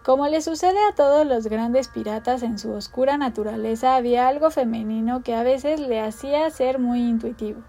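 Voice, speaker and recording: A woman narrating a storybook with an expressive, theatrical delivery. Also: a little high, moderate pace, hardly any pauses, soft background music.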